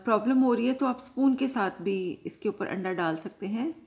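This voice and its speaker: A woman hosting her own cooking channel, calmly explaining each step of a recipe to viewers from her home kitchen. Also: on the high side, a little fast, vocal fry, muffled recording. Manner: calm, instructive, addresses viewers directly.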